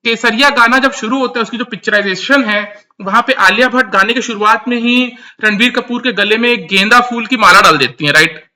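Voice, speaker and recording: A man with a high, lively voice and a sharp, bright tone breaks down song lyrics in an emphatic commentary. He drives his points home by repeating them. His talk mixes English terms into Hindi. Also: a little fast, few pauses. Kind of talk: explanatory commentary to camera.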